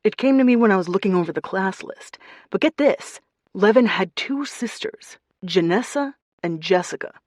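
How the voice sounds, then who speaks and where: A woman's voice: mid-range voice, moderate pace, no echo, clean studio sound, lightly acted. Woman reading as an eager male sleuth friend. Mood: excited. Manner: excited, confiding. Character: eager young man, a friend digging up records.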